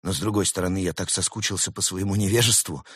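A man's voice: sits low, fairly even intonation, fast talker, breathy edge, no echo, clean studio sound. A man voicing a gloomy, clever male cat who mutters wistfully, in a storybook reading.

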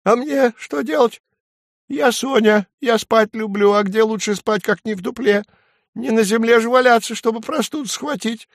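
A man voicing a sly, sleepy female garden dormouse in a storybook reading, squeaky and teasing. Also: normal speed, dry recording, studio quality. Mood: teasing, cheeky.

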